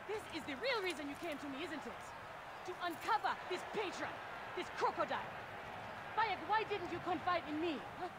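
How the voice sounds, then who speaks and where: A hurt ally, earnest and reproachful, voice swings up and down, loud game noise behind. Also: female voice, extremely high pitch, lively intonation, fairly quick.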